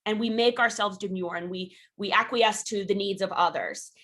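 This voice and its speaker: A woman's voice: mid-range voice, moderate pace, fairly bright tone. A woman teaching a self-defense workshop from her home over a video call. She speaks frankly and encouragingly with many "um" fillers, and calls out drill cues energetically. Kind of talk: live online workshop instruction.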